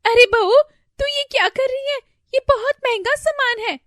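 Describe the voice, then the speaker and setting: A woman voices a fretful older mother-in-law in a storybook tale, a character who panics easily and speaks in a shrill, wailing, pleading way. The delivery is at normal speed, with clean studio sound and no room sound.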